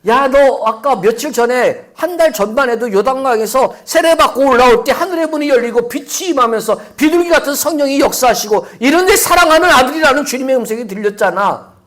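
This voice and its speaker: A man's voice: medium pitch, normal speed, vocal fry, hardly any pauses, mellow, lightly acted. A man preaching who voices the tempter as a mocking, taunting male devil full of sarcastic jabs. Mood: sneering.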